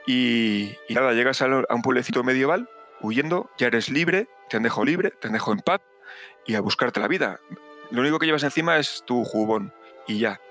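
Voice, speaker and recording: Brief: man in podcast banter, bright forceful voice, lively storyteller, faint music behind. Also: mid-range voice, fairly quick. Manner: animated storytelling with acted asides. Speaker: podcast host. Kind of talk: casual chat.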